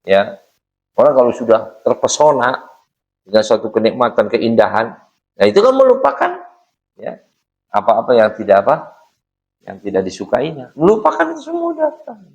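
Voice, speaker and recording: A man teaching a religious study lecture in an animated way, piling up rhetorical questions. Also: medium pitch, normal speed, pauses often, lo-fi sound.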